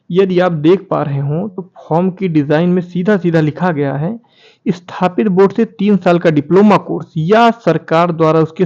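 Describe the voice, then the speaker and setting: Presenting documents on his YouTube channel, a man with a fairly high-pitched, slightly mellow voice reads formal passages aloud and then speaks directly to viewers about them, repeating key phrases to make them stick. It is an informal explainer with somewhat dull, lo-fi sound.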